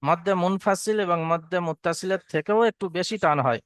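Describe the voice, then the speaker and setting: High, clear-voiced male Quran teacher. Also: fairly bright tone, no room sound. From Bengal. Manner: spells each letter and vowel, then chants the verse slowly. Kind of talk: spelling out and reciting verses for students.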